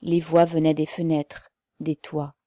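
Slow, low-voiced woman narrator. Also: flat delivery, dark tone, no echo, clean studio sound. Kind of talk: audiobook narration.

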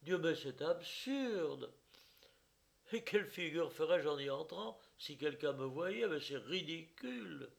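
A man voicing a flighty, pretty young woman who is capricious and quick to take offence, in a read-aloud story. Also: on the high side, animated, vocal fry, pitched above the performer's own voice. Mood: indignant. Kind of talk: audiobook character voice.

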